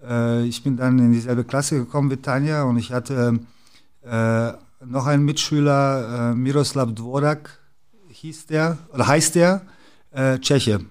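In a relaxed interview, a middle-aged basketball club executive from the former Yugoslavia speaks as the guest, using many fillers and restarting often. His voice is medium in pitch, steady, unhurried, slightly mellow and clean.

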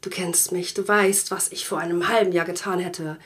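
A woman from Germany hosting a faith podcast, telling her personal testimony earnestly, often slowing down and sinking into soft whispers. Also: lowish voice, fairly even intonation. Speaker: podcast host.

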